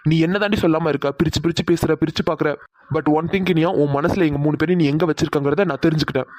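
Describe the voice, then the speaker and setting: A man's voice: on the high side, steady tone, fast, a little mellow, no echo, natural voice. A man voicing a hot-tempered young man in a cartoon, who talks in harsh, blunt, scolding bursts. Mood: angry. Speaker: voice actor. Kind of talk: cartoon voice acting.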